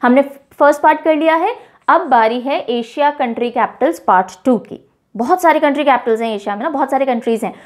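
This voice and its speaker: High-voiced playful woman teacher. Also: fairly quick. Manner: playful, animated storytelling with mini scenes. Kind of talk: Hindi-English mnemonic lesson.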